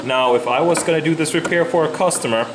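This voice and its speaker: A man's voice: fairly high pitch, fast talker, background noise. A man in his thirties explaining a weld repair in casual, plainspoken terms, recorded in an indoor metal workshop on a camera mic. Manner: plainspoken, matter-of-fact, mildly profane. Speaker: welder demonstrating a repair. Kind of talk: casual shop instruction. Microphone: camera mic on a handheld camera.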